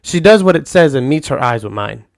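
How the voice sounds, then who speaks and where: A man narrating a first-person audio story in a calm, soft-spoken way. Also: medium pitch, a little fast, creaky, no room sound, clean studio sound.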